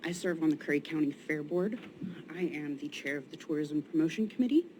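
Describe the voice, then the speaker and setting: A woman's voice: low-pitched, a little fast, warm tone. A woman giving public comment at a meeting, earnest and plain-spoken, with a tired, shaky voice. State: weary, shaky voice. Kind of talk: prepared public statement. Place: indoor public meeting room. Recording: noisy meeting room ambience.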